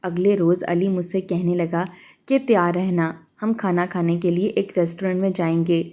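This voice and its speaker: A woman telling a first-person story in a steady, confiding way. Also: fairly low pitch.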